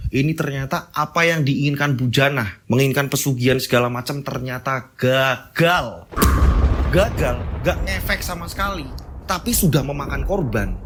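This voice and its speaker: A man's voice: medium pitch, normal speed, fairly bright tone. A man telling a horror story in a casual, conversational way, often repeating himself. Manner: conversational, repetitive.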